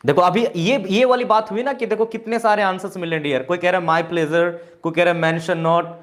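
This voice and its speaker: A man's voice: high voice, fairly even intonation, normal speed. A man teaching English in Hindi during a live online class, who keeps calling viewers "dear" and repeats each point. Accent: Indian. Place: classroom with a board.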